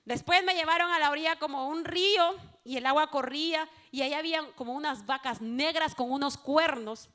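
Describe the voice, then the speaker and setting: Fervent high-voiced woman giving church testimony. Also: a little fast, hardly any pauses. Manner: fervent, addresses congregation as hermanos, swings between hushed and loud. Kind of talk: evangelical testimony preaching. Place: church service.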